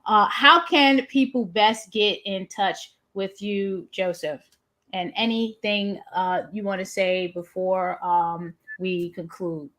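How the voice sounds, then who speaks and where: A woman's voice: medium pitch, steady tone, slow pace, fairly bright tone. Chatty woman host in her fifties. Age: 50s. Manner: chatty, laughs easily. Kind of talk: live interview.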